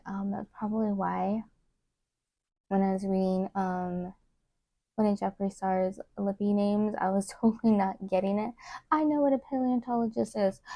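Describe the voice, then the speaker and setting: Soft-spoken rambling woman vlogger, gravelly. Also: mid-range voice, no room sound. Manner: rambling, many fillers, trails off softly. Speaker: beauty vlogger. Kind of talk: casual get-ready-with-me chat.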